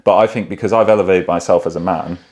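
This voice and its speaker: A young man with a very low, deep voice co-hosts a casual podcast. He talks bluntly and opinionatedly, laughing often between points. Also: fairly even intonation, fast talker, darkish tone. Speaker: podcast co-host. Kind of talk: casual chat.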